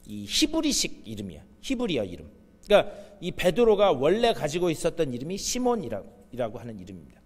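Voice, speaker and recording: A man's voice: sits high, in a large hall. A man preaching a sermon as pastor of a church. He often puts a question to the congregation and then answers it himself. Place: church sanctuary.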